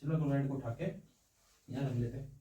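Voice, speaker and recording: Man teaching chemistry, homely playful explanations, dark mellow voice, echoey room, heard from a distance. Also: mid-range voice, fairly even intonation, fairly quick. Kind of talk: chalkboard science lesson.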